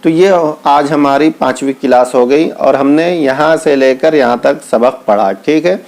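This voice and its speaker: A man teaching Quran letter reading. He calls out each Arabic letter slowly and then explains patiently, with speech. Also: mid-range voice, gravelly, darkish tone. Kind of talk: slow step-by-step lesson.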